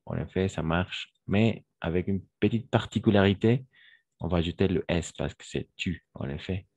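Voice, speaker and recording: Low, unhurried male language teacher, patient and encouraging, dry close mic. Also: darkish tone, slightly rough, dry recording. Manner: patient, repeats forms slowly and praises students. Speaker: French teacher. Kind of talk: online French grammar lesson.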